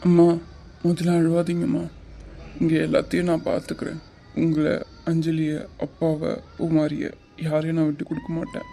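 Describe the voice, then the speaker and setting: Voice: medium pitch, wildly swooping pitch, normal speed, gravelly, dark tone, soft background music. A performer voicing Arjun, a young man who talks in an earnest, reassuring way, for a cartoon. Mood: pleading. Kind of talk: cartoon voice acting.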